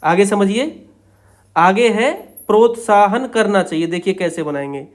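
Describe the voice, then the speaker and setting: A young man walks through shorthand outlines one at a time. He talks patiently, repeats himself often, and checks in with short confirmations. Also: high-pitched. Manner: patient, repetitive, explains each outline slowly. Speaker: stenography teacher. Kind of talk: step-by-step shorthand lesson.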